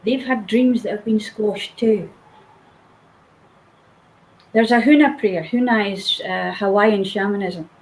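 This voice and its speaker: A woman's voice: mid-range voice, slow, long pauses, slight background noise, low-quality recording. A woman speaking earnestly and emphatically in a motivational conversation, sometimes acting out the inner voices she describes. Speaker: guest speaker.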